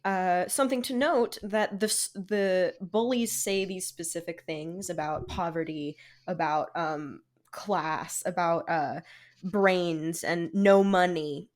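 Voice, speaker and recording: A woman's voice: on the low side, slow pace. Chatty young woman, casual swearing. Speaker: podcast co-host. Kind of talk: casual book-club chat.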